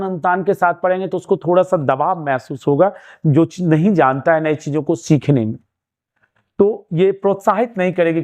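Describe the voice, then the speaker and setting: A man's voice: on the high side, darkish tone. A man teaching an exam-prep lesson, explaining step by step and asking and answering his own questions. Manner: urging students to keep watching.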